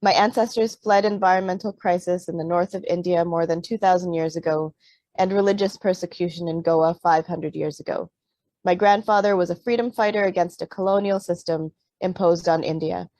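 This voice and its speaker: Speaking on a panel, this Vancouver author is a middle-aged Canadian woman whose lowish voice is steady, brisk and somewhat dark, recorded dry. Her talk is full of fillers and restarts before she turns to reading a passage from her book.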